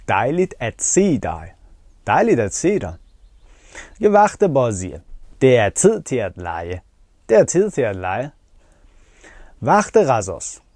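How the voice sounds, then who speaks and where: Guy doing a language lesson, mid voice, says phrases slow and twice, dry close sound. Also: medium pitch, a little mellow, no echo. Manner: repeats each phrase slowly, then explains with fillers. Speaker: language teacher. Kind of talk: language lesson, explaining and repeating phrases slowly.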